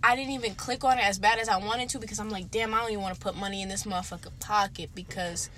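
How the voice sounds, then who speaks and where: A woman's voice: medium pitch, fairly even intonation, quick pace, a bit bright, a little hiss or hum. A woman co-hosting a casual podcast chat, speaking in a blunt, emphatic and slangy way with plenty of swearing. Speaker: podcast co-host.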